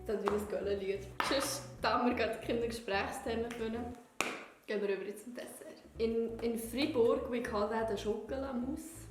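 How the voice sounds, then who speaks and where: A woman's voice: a little high, steady tone, normal speed. A young woman with a Swiss German accent, chatting casually to camera with a friend, playful and self-deprecating. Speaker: amateur YouTube host. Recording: echoey room with music behind.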